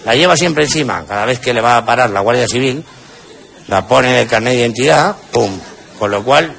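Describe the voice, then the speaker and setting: A man's voice: mid-range voice, fairly quick, vocal fry, a bit bright. A man with a Spanish accent doing crude, punchy stand-up comedy, recorded live with audience noise. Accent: Spain.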